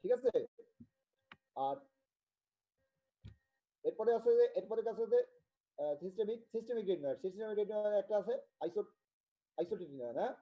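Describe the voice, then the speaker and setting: A man from Bangladesh giving an online medical tutorial, talking haltingly and repeating himself as he checks in with students. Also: sits high, animated, highs cut off. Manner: halting, repetitive, with many restarts and check-ins. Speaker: medical lecturer.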